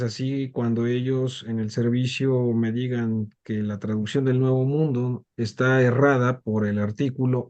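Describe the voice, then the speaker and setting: A man's voice: mid-range voice, a little mellow. A man speaking as a student in a Bible class, earnestly explaining the point he plans to make. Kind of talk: casual classroom reply.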